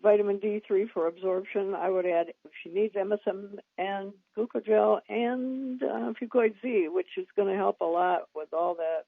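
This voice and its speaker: A woman's voice: mid-range voice, moderate pace, creaky, few pauses, dry recording. A woman consultant giving matter-of-fact product advice on a radio show. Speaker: nutrition consultant. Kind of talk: on-air advice. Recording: tinny phone line.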